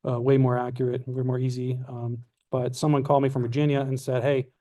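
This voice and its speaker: A man giving a lecture as guest speaker, telling anecdotes in an animated way with many fillers. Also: mid-range voice, fast. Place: lecture room. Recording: distant from the mic.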